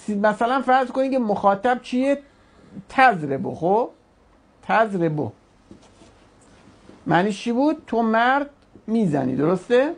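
A woman's voice: fairly high pitch, sing-song, long pauses. A woman teaching an Arabic grammar class, patiently explaining step by step with examples. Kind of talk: online class, explaining verb conjugation.

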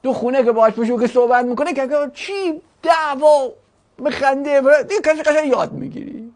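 Gravelly chatty language teacher. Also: high voice, a little mellow. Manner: chatty, rhetorical questions, jokes. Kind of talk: classroom lecture.

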